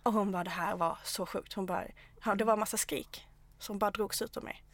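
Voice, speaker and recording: A woman guest telling stories animatedly in a casual chat, with lots of fillers. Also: mid-range voice. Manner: animated storyteller, many fillers. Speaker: podcast guest.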